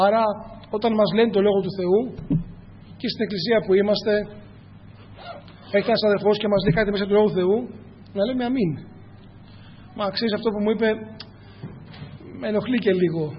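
A man's voice: high-pitched, long pauses. A man preaching a sermon, speaking earnestly, often addressing his listeners as brothers and asking rhetorical questions. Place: church hall. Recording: echoey hall, dull lo-fi, faint hum.

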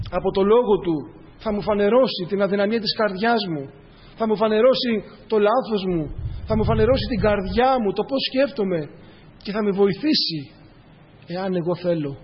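A man's voice: sits high, husky. A man preaching a sermon earnestly, addressing the congregation as brothers in a church hall. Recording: dull, with long hall reverb.

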